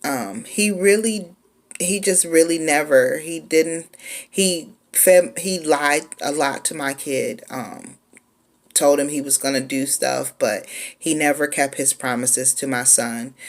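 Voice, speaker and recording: A woman in her forties tells her story in a relaxed, unhurried way. Her voice sits low and has a gravelly, fry-tinged edge. She is chatty and pauses often as she talks. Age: 40s. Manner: laid-back, chatty, with frequent "um" pauses. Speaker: vlogger. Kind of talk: casual storytime.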